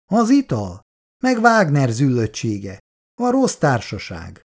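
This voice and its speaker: A reader voicing Icu, a lively and outspoken young woman in a storybook reading. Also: rumbling low, heavily acted. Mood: urging.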